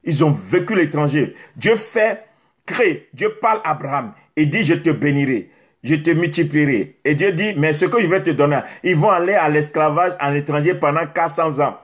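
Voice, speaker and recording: A middle-aged pastor preaches a sermon directly to the camera, indoors in front of a beach backdrop. His voice is a little high at a normal speed, and he exhorts listeners with rhetorical questions and emphatic repetition.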